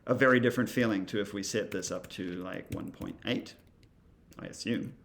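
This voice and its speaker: A male instructor casually walking through software, thinking aloud with many fillers and asides. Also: lowish voice, moderate pace.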